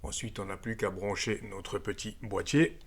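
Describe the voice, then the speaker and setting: This amateur radio video presenter has a lowish voice with fairly even intonation and a moderate pace. He gives a casual, hands-on product demo, explaining the gadget one step at a time and using tag words frequently.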